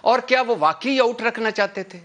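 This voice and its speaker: Guy arguing on a tv panel, high voice, keeps going uh uh and repeating himself, fired up. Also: a bit bright. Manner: impassioned, repetitive, many filler sounds and restarts. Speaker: political commentator on a TV panel. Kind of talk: heated TV talk show debate.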